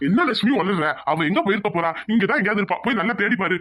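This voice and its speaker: A man voicing a stern older village man who heads the family, gruff and scolding, in a cartoon. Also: high voice, expressive, racing, a bit bright. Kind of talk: cartoon voice acting.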